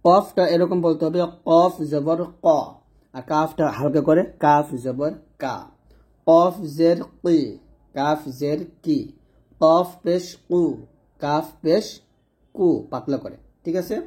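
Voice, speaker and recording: A man teaches Quran pronunciation in a lesson, setting similar letters side by side and slowing down to chant each example. His voice sits slightly high but has a dark, mellow tone. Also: steady tone. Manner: checks in with "ঠিক আছে?". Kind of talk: online tajweed lesson.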